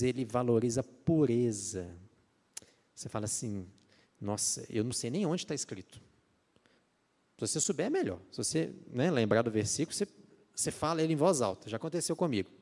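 A man's voice: fairly high pitch, a little mellow. A man with a Brazilian accent preaching a sermon, firing rhetorical questions at the congregation. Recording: long hall reverb.

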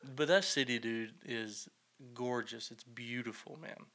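A man's voice: medium pitch, measured pace, sharp tone. A young man chatting as a podcast guest, easygoing and joking. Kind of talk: casual chat over the phone.

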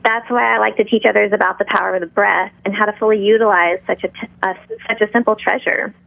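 A middle-aged woman talks in a calm, measured teaching manner. Her voice sits at an ordinary pitch and comes through thin and tinny, like a telephone, with very little room around it. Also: vocal fry, no room sound. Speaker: yoga instructor, interview guest. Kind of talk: interview talk with guided breathing and pose instruction. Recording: tinny narrow phone-like line.

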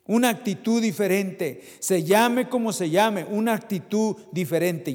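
A male preacher reading scripture and questioning the congregation, moving between loud emphasis and quiet asides. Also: high-pitched. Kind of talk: sermon with Bible reading. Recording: long hall reverb.

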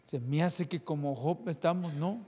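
A male preacher delivering a sermon to his congregation, firing rhetorical questions at them and swinging between soft, low passages and loud, rising ones. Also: normal speed, breathy edge. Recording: long reverb of a hall.

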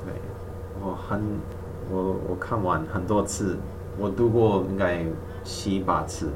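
A man's voice: deep voice, fairly even intonation, slow. A man who is a native English speaker, talking hesitantly in learner's Mandarin with a foreign accent in a casual language-exchange chat. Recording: distant microphone, clearly noisy background.

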